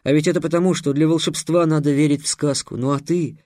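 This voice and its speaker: A man's voice: fairly high pitch, fairly even intonation, quick pace, mellow, no room sound, close to an everyday voice. A young mage in an audiobook, sarcastic and bold, lecturing with cool scorn in a slightly raised voice, read by a man. The sound is close and dry.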